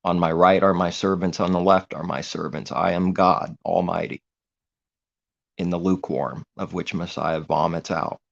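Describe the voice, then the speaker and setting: A smug hypocrite who crowns himself, loud and boastful, as a man mocks him in a raised voice. The voice sits low and gravelly underneath. The recording sounds dull and muffled. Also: fairly even intonation, normal speed. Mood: mocking, boastful.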